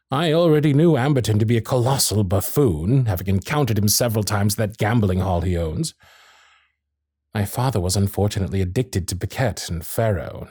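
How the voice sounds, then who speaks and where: For an ASMR romantic period roleplay, a male actor uses a lowish, slightly rough voice as a courtly, infatuated Victorian suitor who is protective and witty. He speaks with genteel, flirtatious diction and lively intonation, and the close studio microphone yields an intimate, dry sound without echo.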